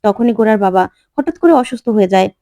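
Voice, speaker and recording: Woman retelling a serial, high voice. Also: animated, quick pace, warm tone, dry recording, clean studio sound. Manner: repeats "then so-and-so says" between quotes. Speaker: storyteller recapping a TV serial. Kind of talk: casual story retelling.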